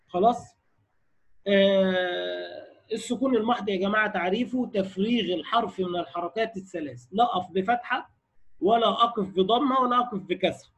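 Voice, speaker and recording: Husky high-voiced Egyptian man teaching. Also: fairly bright tone, lo-fi sound. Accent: Egyptian Arabic. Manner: explains, quotes texts, then asks students checking questions. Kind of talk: classroom lecture on Quran recitation rules.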